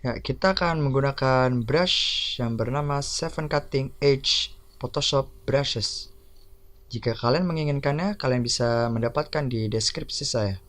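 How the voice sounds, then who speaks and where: A man narrating a step-by-step software tutorial over a screen recording, giving plain instructions one by one. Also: medium pitch, a little slow.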